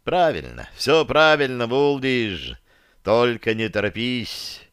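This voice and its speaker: A tense young man, as a male reader voices him, gives measured, careful advice. His voice is mid-pitched, smooth and clear. The recording is dry and close. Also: very animated, fairly bright tone, no echo. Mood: urgent.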